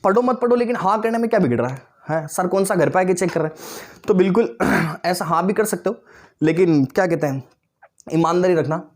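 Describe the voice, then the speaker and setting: A man in his twenties with a high voice and lively intonation, talking a little fast, teaches maths over an online class. He nudges pupils along, calls them "beta" and "bhaiya," often asks whether they understood, and throws in humorous asides.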